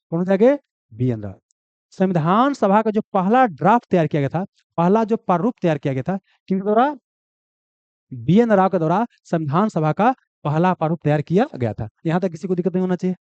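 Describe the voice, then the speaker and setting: A man's voice: sits high, a little mellow, no echo. A man teaching an exam coaching class, repeating key answers and asking and answering his own questions. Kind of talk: classroom lecture. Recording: dull, dry, lo-fi sound.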